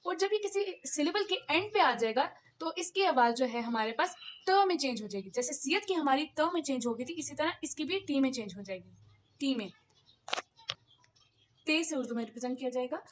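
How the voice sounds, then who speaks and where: Woman, online tutor, high-pitched, patient step-by-step delivery, light background hiss. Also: expressive, fairly quick. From Pakistan. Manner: patient, explains step by step and repeats words. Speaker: Korean language teacher. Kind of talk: online language lesson.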